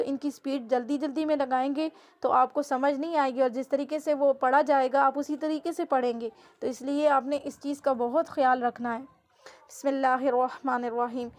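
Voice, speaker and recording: Brief: female Quran teacher with a Pakistani Urdu accent, high and level voice, drawn-out spelling drills. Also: fairly even intonation. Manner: slow drawn-out syllables, brisk asides.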